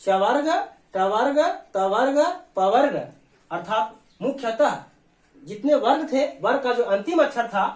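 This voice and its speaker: Slow roomy-voiced male teacher. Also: very high-pitched. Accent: Bihari Hindi. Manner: slow, explains step by step, asks and answers own questions. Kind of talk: board exam lesson. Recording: roomy echo.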